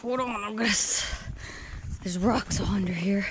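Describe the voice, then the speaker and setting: A woman's voice: medium pitch, moderate pace. A woman chatting casually and in a rambling way as she hikes, with the slight effort of trudging through snow outdoors. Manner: rambling, talks to her dog and viewers. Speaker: solo hiker vlogger. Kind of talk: casual chat while hiking. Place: outdoors on a snowy trail. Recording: noisy windy outdoor trail recording.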